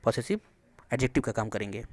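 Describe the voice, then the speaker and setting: A man teaching English grammar in Hindi, asking and answering his own questions and reading English examples slowly with an Indian accent. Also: medium pitch, no room sound. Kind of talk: classroom explanation.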